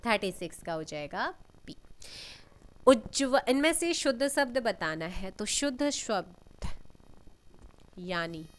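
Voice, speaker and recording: A woman teaching an exam-prep lesson, reading out questions and giving answers, often clearing her throat. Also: mid-range voice, sing-song. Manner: unhurried, reads questions then gives answers, frequent throat clearing.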